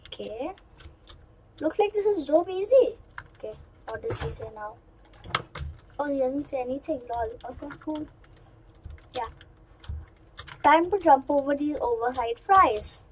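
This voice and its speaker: High-voiced chatty female gamer. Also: measured pace, pauses often, slight background noise, poor audio. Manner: chatty and excitable, rambling asides to viewers. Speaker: gaming channel host. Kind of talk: let's-play commentary.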